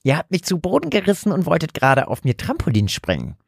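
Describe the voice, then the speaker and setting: A man's voice: on the high side, wildly swooping pitch, fast talker, vocal fry, no room sound, clean studio sound, pitched above the performer's own voice, heavily acted. A man voicing a sinister, spiteful voice that belongs to a hidden face in a spoken horror story, hissing and gloating.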